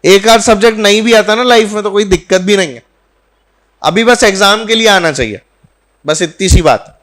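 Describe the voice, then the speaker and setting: A physics teacher talking warmly and jokingly to his students at the end of a course in a classroom, mixing in English phrases. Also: sits high, normal speed. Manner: chatty and teasing, mixing Hindi with English phrases. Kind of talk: farewell talk to a class.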